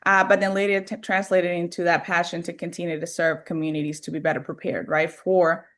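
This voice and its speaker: Woman from Colombia, lower pitch, panel guest, earnest, hesitant fillers. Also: flat delivery, brisk, fairly bright tone. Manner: earnest, many fillers and restarts. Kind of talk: panel discussion.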